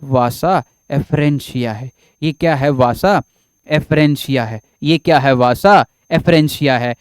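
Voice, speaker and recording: A man's voice: mid-range voice, a little slow, smooth, no room sound. A man teaching a biology lecture at a board, who repeats his own questions, answers them, and keeps reassuring his students.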